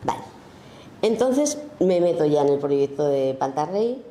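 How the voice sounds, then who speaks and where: A woman's voice: low-pitched, big pitch swings, unhurried, mellow. A woman photographer giving an informal talk about her own work, thoughtful and searching, with many fillers and tag questions. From Spain.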